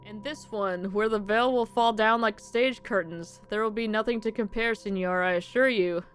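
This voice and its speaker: A woman's voice: medium pitch, moderate pace, clean tone, soft background music, close to an everyday voice. A woman voicing a theatrical female spirit medium and tarot reader in a grand, mystical manner. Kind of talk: voicing game characters on a live stream.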